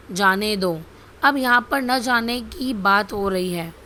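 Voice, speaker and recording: A woman with a somewhat high voice gives a grammar lesson, pointing the listener to examples on the screen. She repeats points and asks questions she then answers. A faint hiss sits behind her. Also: fairly bright tone. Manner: repetitive, asks rhetorical questions and answers them. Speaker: teacher. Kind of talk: Hindi grammar lesson over slides.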